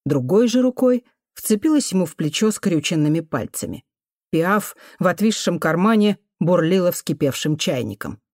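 A woman reading an audiobook with expressive narration. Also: lowish voice, moderate pace, dry recording, clean studio sound. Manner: expressive storytelling. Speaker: audiobook reader. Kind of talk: scripted narration.

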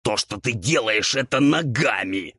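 A man's voice: mid-range voice, animated, takes it slowly, fairly bright tone, slightly rough, no echo, clean studio sound, pitched above the performer's own voice, heavily acted. A man voicing a fussy, irritable male ghoul cook who hisses and scolds in a strained, altered timbre. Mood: exasperated. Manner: scolding, bossy.

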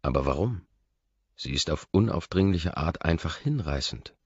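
A man reading a first-person audiobook narration in a measured, intimate, low-key manner. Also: expressive, darkish tone, slightly rough, no echo, dull audio.

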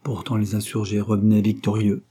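Man, audiobook narration, low dark voice, husky. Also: completely flat delivery, fairly quick.

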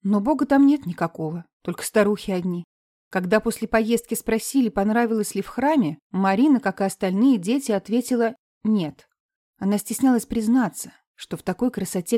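An audiobook narrator, a woman with a medium-pitched voice, reads a novel aloud as scripted narration, calm, measured and subdued. The recording is dry, with clean studio sound.

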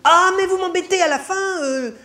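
A man voicing an impatient, exasperated female shop cashier who yelps her lines in a shrill falsetto. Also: normal speed, pushed and bright, reverberant. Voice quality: shrill, yelping. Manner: snappish and impatient. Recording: live stage recording with faint audience noise.

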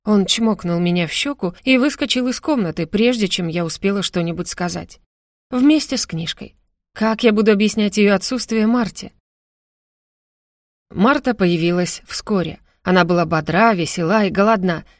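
A woman narrating a first-person novel as an audiobook, in an expressive, lively manner. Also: medium pitch, no room sound, studio quality.

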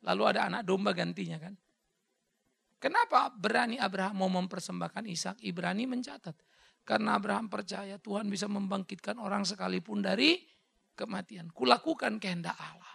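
A man preaching a sermon and answering questions, animated, slipping English words in and acting out quoted voices. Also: sits high, a little fast, gravelly, slightly rough. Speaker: pastor. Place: church hall.

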